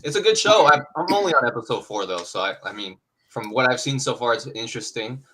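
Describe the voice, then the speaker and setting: A man's voice: mid-range voice, expressive, fast, pushed and bright. A young man on a livestream panel, talking in a laid-back way with loose slang. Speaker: panel guest. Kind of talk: casual chat.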